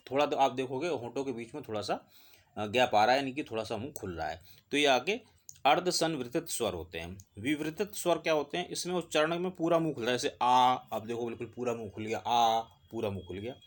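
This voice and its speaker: A man teaching an exam-prep class, explaining step by step, asking questions and then answering them himself. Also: medium pitch. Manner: explanatory, asks and answers his own questions.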